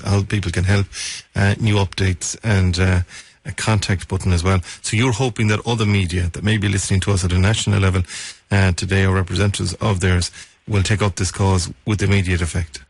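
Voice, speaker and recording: Husky, fast-talking Irish radio host. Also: male voice, low-pitched, steady tone, no room sound. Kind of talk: live local radio interview. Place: dry radio studio.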